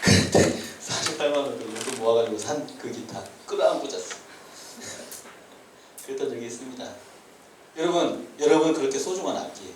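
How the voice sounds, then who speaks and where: A man giving a sermon to high school students, animated and joking, with shouted calls between his points. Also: normal speed, long pauses, slight background noise. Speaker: youth pastor. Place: church hall. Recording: echoey church hall from far off, faint ambience.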